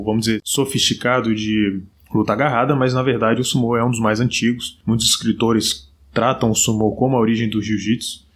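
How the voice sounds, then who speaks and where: A man with a Brazilian Portuguese accent hosting a solo podcast, explaining at length in a relaxed way, with frequent fillers. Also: medium pitch, slight background noise. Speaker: podcast host. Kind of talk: solo podcast talk on martial arts history.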